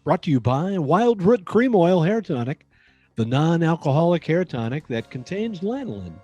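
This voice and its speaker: A man works as an old-time radio announcer, reading introductions and sponsor copy. His voice is mellow and highly animated, with some music playing behind it. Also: moderate pace, lo-fi sound.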